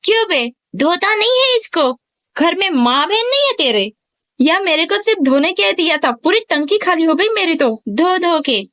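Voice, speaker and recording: A woman voicing a sharp-tongued, bossy young village woman with a scolding manner in an amateur animated comedy. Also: extremely high pitch, normal speed, heavily acted. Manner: scolding, sassy.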